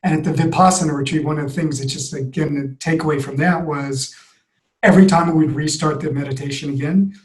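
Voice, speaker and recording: A man speaking in an earnest, expansive way, stacking example on example as a podcast guest. His voice sits a little higher than most men's. A roomy echo hangs around every word. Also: fairly even intonation, brisk. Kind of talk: reflective conversation.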